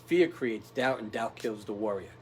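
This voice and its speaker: A man's voice: fairly low pitch, expressive, normal speed, slight background noise, rough recording. Rambling motivational man, tough talk. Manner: rambling, tough-talking, peppered with "right?". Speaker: motivational speaker.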